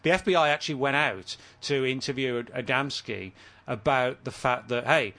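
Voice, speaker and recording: On a relaxed podcast, a male author guest tells a story at length, frequently correcting himself as he goes. He speaks at a moderate pace in a mid-range, fairly bright voice.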